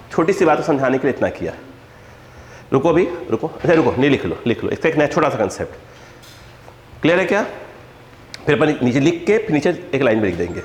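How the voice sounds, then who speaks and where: A male physics teacher lecturing a class, constantly quizzing students and scolding them with a joking edge. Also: on the high side. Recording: echoey hall, faint background hum.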